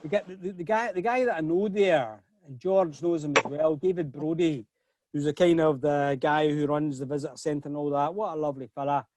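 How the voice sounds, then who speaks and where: A man's voice: fairly high pitch, fairly quick, noisy background. A middle-aged man hosting a whisky tasting over a video call, chatty and often repeating words as he starts a sentence. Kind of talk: casual online tasting talk.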